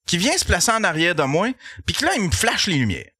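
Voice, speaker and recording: A man with a Québécois accent, a podcast host telling a comic story in an animated, profane way and laughing as he goes. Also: high-pitched, fairly quick, slightly rough, no echo. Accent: Québécois French.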